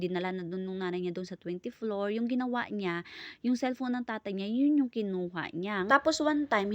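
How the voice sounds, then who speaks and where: Woman from the Philippines, domestic helper, casual storytelling vlog, chatty, animated, medium pitch. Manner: chatty and animated, addressing her viewers directly. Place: employer's apartment, while cleaning.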